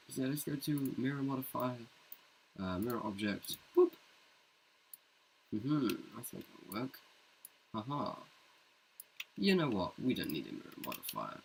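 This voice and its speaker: A man's voice: slight background noise, low-quality recording. A man thinking aloud in a casual screen-recorded tutorial, chatty and self-mocking as he works through a scene. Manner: jokes in a deep movie-trailer voice. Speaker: CG artist showing his work. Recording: keyboard and mouse clicks behind.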